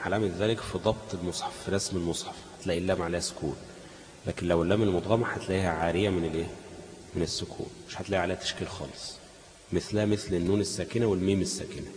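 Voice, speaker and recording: A man's voice: sits low, a little mellow, long reverb tail, slight background noise, low-quality recording. A man with an Egyptian Arabic accent teaching a class on Quran recitation, asking leading questions that the students finish.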